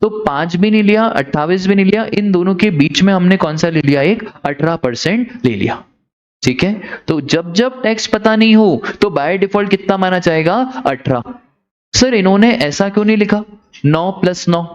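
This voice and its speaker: A man with a fairly high voice teaches a classroom lecture, teasing students and acting out little stories. The recording sounds dull and lo-fi. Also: moderate pace. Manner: lively, teasing, acts out characters in stories.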